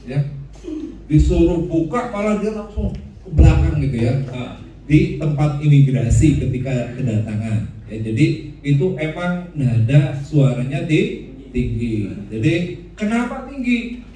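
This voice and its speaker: A man's voice: a little high, big pitch swings, measured pace, warm tone, slight background noise. A man teaching a class, joking and asking the room questions. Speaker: instructor. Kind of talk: classroom lecture with audience questions. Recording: echoey room, voice from far off the mic.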